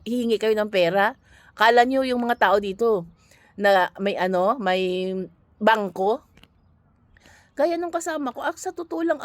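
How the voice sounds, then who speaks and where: A woman's voice: a little high, dry recording. Earnest woman telling a story to camera. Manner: earnest, conversational, addresses viewers directly. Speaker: overseas worker and vlogger. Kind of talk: casual storytelling monologue.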